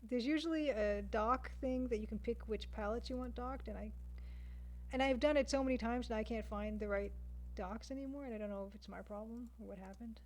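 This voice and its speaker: Fairly high-pitched but darkish in tone, her voice moves a little fast. She's a Canadian livestreamer and game artist who chats easily with stream viewers, thinking aloud as she draws.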